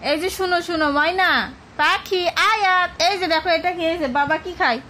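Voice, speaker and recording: A woman with a Bangladeshi Bengali accent, a mother coaxing her toddler with gentle, repetitive questions at home. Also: extremely high pitch, normal speed, a little hiss or hum. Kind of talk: home vlog baby talk.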